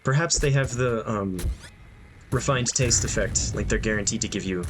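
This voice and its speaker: A man's voice: lowish voice, normal speed. A young man giving casual gameplay commentary, thinking aloud with frequent ums and dry asides. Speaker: gameplay streamer. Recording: game music playing underneath. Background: game music.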